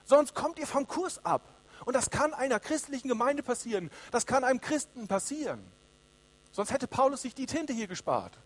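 A man's voice: very high-pitched, sing-song, normal speed. A man preaching a sermon, speaking earnestly and addressing the congregation directly.

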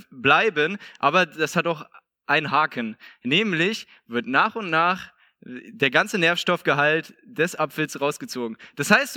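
A man's voice: fairly high pitch, pushed and bright, dry recording, studio quality. A young man preaching a casual, upbeat sermon, slangy and full of "hey".

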